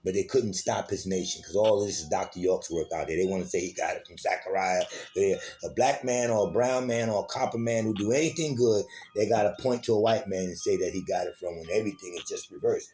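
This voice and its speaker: This self-styled online teacher has a deep, warm voice and talks at a quick clip with hardly any pauses, while a little hiss or hum sits under the recording. On his own program he lectures in a casual, streetwise way, cursing often, repeating words, and calling out to y'all.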